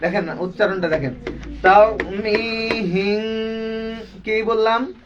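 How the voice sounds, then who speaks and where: Slow-spoken male recitation teacher. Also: sits high, noisy background. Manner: slow, drawn-out demonstrations, quizzing students. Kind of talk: classroom tajweed lesson. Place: classroom with a group of learners. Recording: dull, distant classroom recording with many people.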